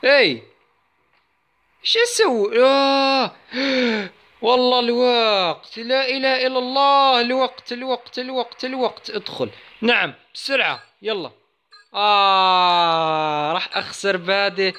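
A man hosting a gaming channel, giving excited let's-play commentary, chatty and talking straight to his viewers. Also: extremely high pitch, normal speed, clear, resonant tone. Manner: excitable, chatty, addresses viewers, yelps at game moments.

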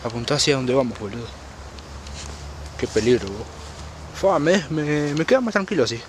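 A man's voice: mid-range voice, animated, moderate pace. A young man with an Argentine accent chatting casually for an exploration vlog, slangy and prone to swearing. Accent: Argentine Spanish. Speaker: night exploration vlogger. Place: outdoors at night, street and open country. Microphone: handheld camera or phone. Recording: noisy handheld outdoor recording.

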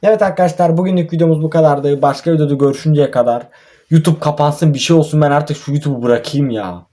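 A man's voice: on the high side, fast, mellow. A young man, giving exasperated, ranting commentary over a mobile football match and swearing at his own team. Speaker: mobile football gamer and YouTuber. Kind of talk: gameplay commentary.

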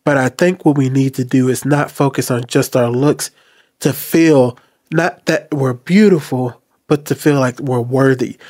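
Earnest and advice-giving, a host in his thirties speaks to the camera in a reflective commentary from a small decorated room indoors. His voice is medium-pitched with a darkish tone, recorded dry and at studio quality through a desk mic placed in front.

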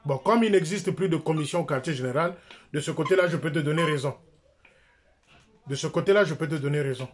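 Talking a little fast in a slightly high voice, a middle-aged Congolese man from the Republic of the Congo with a French accent denounces something straight into a nearby phone camera in a small room. He's a church member turned critic, insistent, repeating his points and jabbing with his finger.

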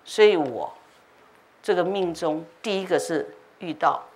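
A woman Buddhist master giving a dharma talk as a lively story, acting out dialogue and sound effects. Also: on the low side, measured pace, slight background noise. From China. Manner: animated, acts out dialogue with laughs and sound effects. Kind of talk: storytelling sermon. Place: temple hall.

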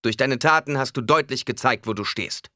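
A man's voice: mid-range voice, lively intonation, normal speed, fairly bright tone, no echo, studio quality, pitched above the performer's own voice. A man voicing a stern, proud noblewoman who speaks with icy, commanding scorn. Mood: accusing.

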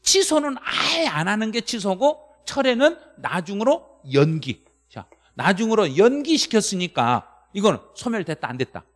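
Animated male lecturer, swooping pitch. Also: moderate pace, long reverb tail. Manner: animated, jumps to high excited pitch on key words, quizzes the chat. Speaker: real estate tax law instructor. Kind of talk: lively live-stream exam lecture.

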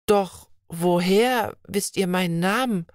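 A woman voicing a shy, timid young maiden in a storybook reading, speaking softly and politely in old-fashioned phrases. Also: on the low side, takes it slowly, dry recording, clean studio sound.

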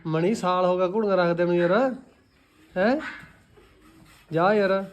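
A man's voice: high-pitched, measured pace, lo-fi sound, slight background noise. A man filming a farm vlog outdoors at a stable on a phone, teasing and coaxing his friend with repeated urgings. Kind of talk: casual outdoor banter. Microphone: phone camera.

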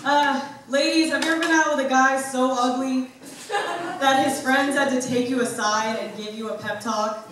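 A young adult woman doing a stand-up comedy set, with a deadpan, awkward, self-deprecating delivery. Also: high-pitched, normal speed. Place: large university hall with live audience. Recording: echoey hall, mic from far, noisy.

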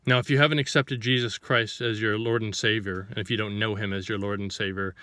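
A man's voice: fairly low pitch, fairly even intonation, a little fast, bright, forceful tone, dry recording. A man giving an informal sermon to the camera, reading scripture and then explaining it with rhetorical questions and a few restarts as he searches for words.

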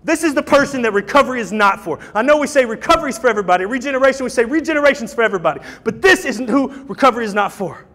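A man giving an impassioned personal testimony at a church, repeating phrases and building to shouts. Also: very high voice, lively intonation, racing, few pauses. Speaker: guest speaker at church recovery ministry. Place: church sanctuary. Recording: long church hall reverb.

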